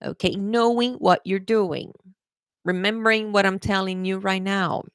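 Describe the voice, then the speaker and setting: Teaching an exam prep lesson on a live stream, this young Brazilian English teacher speaks with a Brazilian Portuguese accent in a smooth, mid-range voice. Her intonation is fairly even and her pace unhurried, and the studio-quality audio has no echo. She chats casually, going over key points again and addressing viewers as "guys."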